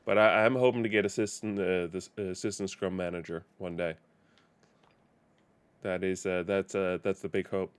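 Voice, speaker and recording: A man's voice: low-pitched, steady tone, moderate pace, clear, resonant tone. Rambling male game streamer. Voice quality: rambling, self-correcting. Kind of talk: casual live game stream chat.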